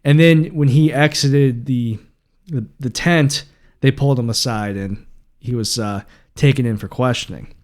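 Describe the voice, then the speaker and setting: A man's voice: mid-range voice, unhurried, a little mellow. A man hosting a solo podcast, talking casually and rambling with many fillers. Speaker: podcast host.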